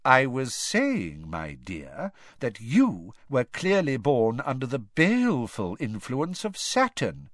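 A man voicing a mournful, misty-voiced female seer who speaks slowly in hushed, theatrical tones. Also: a little high, expressive, dry recording, studio quality, voice pushed up. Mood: irritated. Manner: slow, hushed, theatrical mystic.

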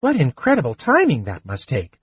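A man's voice: mid-range voice, huge pitch swings, normal speed, slightly rough, no echo, muffled recording, exaggerated voice. A man voicing a curious, eager small male kender who keeps calling out questions. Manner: eager, inquisitive shouting questions.

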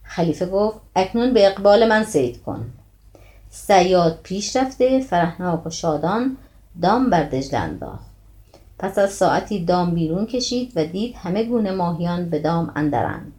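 A woman reading a classical tale aloud in a steady, old-fashioned literary manner. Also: lowish voice. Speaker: storyteller.

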